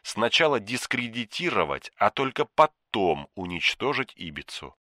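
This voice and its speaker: Brief: man playing a menacing male boss giving orders down the phone; low-pitched, hushed, slow, contemptuous. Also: big pitch swings, no echo, clean studio sound. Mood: menacing, cold. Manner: quiet, contemptuous, slow and deliberate. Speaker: shadowy superior giving orders.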